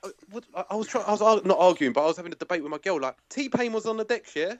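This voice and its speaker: A man's voice: sits high, animated, very fast, highs cut off. A man with a London accent, a guest on a podcast, chatting casually, laughing often and restarting his sentences. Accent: London English. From London, England. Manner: laughing, easygoing banter with restarts. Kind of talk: casual chat.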